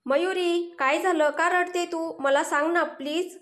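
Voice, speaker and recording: Woman voicing a caring young man, high voice, soothing, reassuring, audio storybook. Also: fairly even intonation, unhurried. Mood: urgent pleading. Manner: gentle, reassuring, sometimes urgent. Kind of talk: Marathi audio story dialogue.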